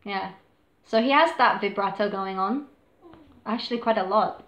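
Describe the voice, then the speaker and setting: A woman's voice: medium pitch, normal speed, reverberant, muffled recording. A woman streamer chatting casually at home, rambling with laughs, fillers and swearing. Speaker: live streamer talking about cover singing. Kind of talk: casual chat. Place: home room with a dog.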